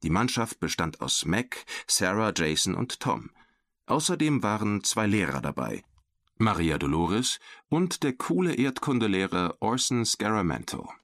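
Male audiobook narrator, low voice, lively expressive read, dry studio mic. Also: a little slow, no echo. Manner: expressive, voices every character. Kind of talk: scripted storybook narration.

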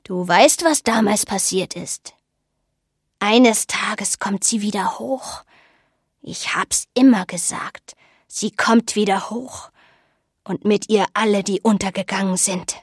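A woman reads as a half-mad old village woman with a slow, ominous whisper. She is close-miked in a dry room, and her voice sits at an ordinary pitch with no room echo. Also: slightly rough.

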